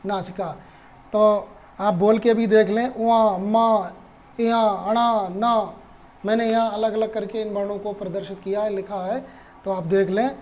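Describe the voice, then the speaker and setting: एक पुरुष शिक्षक जो धैर्य से पाठ समझाता है, बातें दोहराता है और खुद से सवाल पूछता है।. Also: male voice, high-pitched, darkish tone, muffled recording. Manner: patient, repeats points and asks rhetorical questions. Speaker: Sanskrit teacher. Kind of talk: explaining lesson.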